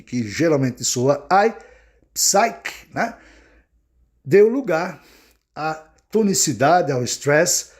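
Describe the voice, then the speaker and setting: A man from Brazil gives an English pronunciation lesson. His voice sits somewhat high. He keeps checking in with his listeners and slows right down to sound out the English example words. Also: darkish tone. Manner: didactic, repeats checks like "né?" and "ok?". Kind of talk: explanatory lesson.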